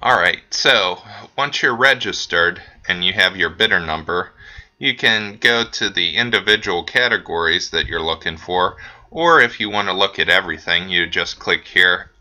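A man from an auction house giving a casual screen-recorded walkthrough of the company's bidding website, relaxed and dotted with ums and uhs. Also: deep voice.

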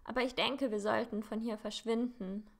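A woman voicing a calm, teasing teenage wizard boy in a fan-fiction reading, speaking softly with dry humor. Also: a little high, moderate pace, creaky. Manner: soft, challenging, dry humor.

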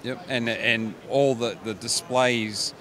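A man's voice: medium pitch, steady tone, slow pace, a bit bright. A middle-aged man, a company managing director, explaining his products into a handheld mic at a trade show booth, with frequent restarts. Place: busy exhibition hall booth. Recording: noisy trade show floor.

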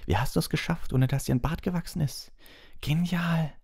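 A man voicing a cheeky, excited teenage schoolboy in an audiobook reading, loud and teasing. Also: on the high side, moderate pace, creaky, slightly rough, pitched above the performer's own voice.

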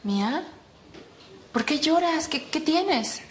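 An actress playing a worried young friend in a telenovela, soothing and coaxing. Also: female voice, sits high, lively intonation, takes it slowly, slight background noise. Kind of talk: telenovela acting.

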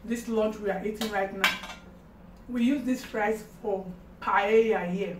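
A Nigerian-accented woman in her thirties hosts a casual mukbang eating show, exclaiming and chatting between mouthfuls. Her medium-pitched voice is unhurried with fairly even intonation. She's indoors in a kitchen or dining room, picked up by a distant mic in a roomy space with faint noise.

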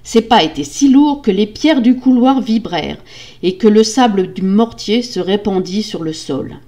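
Older female storyteller, storybook reading, steady and dramatic. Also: mid-range voice.

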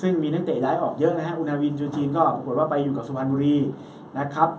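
A man hosting a football talk show, chatting casually and quickly, with lots of polite particles. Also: on the high side, darkish tone, a little hiss or hum. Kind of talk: casual sports chat. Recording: roomy echo, distant mic, faint ambience.

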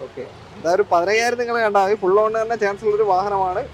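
A man's voice: high voice, fairly even intonation, rapid-fire. A man with a Kerala Malayali accent hosting a casual car review, mixing English words into Malayalam. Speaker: host of a used car video. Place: outdoor car lot. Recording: clear outdoor background noise.

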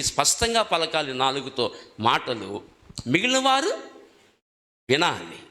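A man's voice: fairly high pitch, pushed and bright. A male preacher giving a sermon, emphatic, putting questions to the congregation and repeating key words. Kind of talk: sermon teaching on prayer. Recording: long hall reverb.

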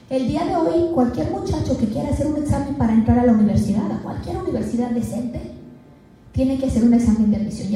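Mexican lady presenting to teachers, recorded far off in a big echoey hall, faint music behind. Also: a little high. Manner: animated, rhetorical questions to the audience. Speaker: education speaker. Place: large event hall.

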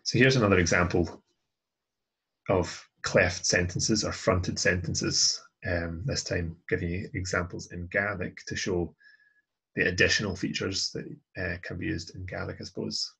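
A deep-voiced man walks through grammar points like a language tutor. His voice is gravelly and husky, and he talks patiently, often pausing and restarting as he goes. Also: steady tone, a bit bright. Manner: patient, methodical, with many "um" and restarts. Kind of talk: explaining grammar over slides.

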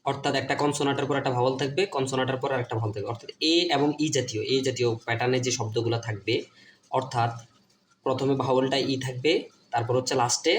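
A man's voice: mid-range voice, fairly even intonation, a little hiss or hum. A man teaching children's English reading in a casual online lesson, repeating letter sounds one by one. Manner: repeats sounds slowly, drilling pronunciations.

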